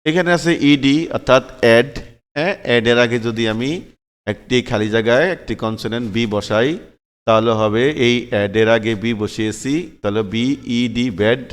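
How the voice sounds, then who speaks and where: Male phonics teacher, smooth and unhurried, heard with hall reverb. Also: mid-range voice. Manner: slow, drawn-out spelling then quicker recaps. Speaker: English reading teacher. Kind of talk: spoken phonics lesson.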